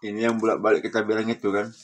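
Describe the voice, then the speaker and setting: A man's voice: on the low side, level tone, rapid-fire. A man moderating an online religious study session, chatty, asking questions and tagging them with a respectful title. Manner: chatty, asks questions, tags "Ustaz". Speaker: session host.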